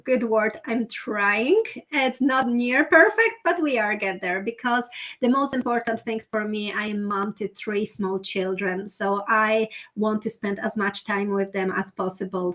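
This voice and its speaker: A woman's voice: medium pitch, fairly bright tone. A woman in her thirties from Poland with a Polish accent, a non-native speaker talking openly as a guest in a casual interview, often restarting her sentences. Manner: chatty and open, non-native phrasing with many restarts. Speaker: guest entrepreneur.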